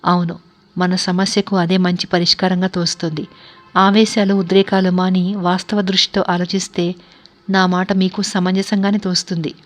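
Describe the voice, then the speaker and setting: A woman voicing a composed young wife who is unable to walk, speaking in a calm, resigned and earnest way in a read-aloud story. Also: mid-range voice, brisk, faint music behind, natural voice. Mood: resolute. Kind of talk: audiobook character reading.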